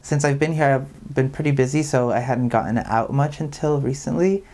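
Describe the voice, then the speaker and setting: A man's voice: mid-range voice, moderate pace, darkish tone, a little hiss or hum. A young man in his mid-twenties speaking casually and a little self-deprecatingly in a documentary interview. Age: 20s.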